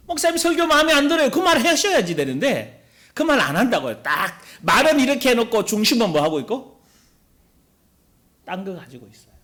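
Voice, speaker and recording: Lively high-voiced Korean pastor preaching. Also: male voice. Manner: conversational preaching, asks the congregation questions and acts out quoted complaints. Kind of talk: sermon.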